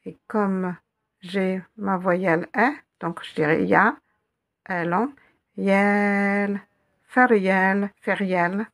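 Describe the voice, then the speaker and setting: Woman, teacher, patient, repeats words, gravelly voice, slow delivery. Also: on the low side, fairly even intonation. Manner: patient, spells out letters and repeats words slowly. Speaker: Arabic teacher. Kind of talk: step-by-step reading lesson.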